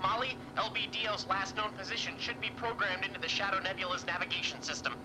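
A woman's voice: mid-range voice, steady tone, quick pace, background noise, natural voice. A woman playing an eager, earnest young cub reporter boy in a retro sci-fi radio drama.

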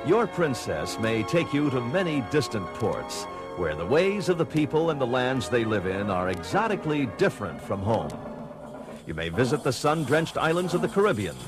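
A man reading polished, florid travel promotional narration in a salesmanlike way. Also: mid-range voice. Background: music.

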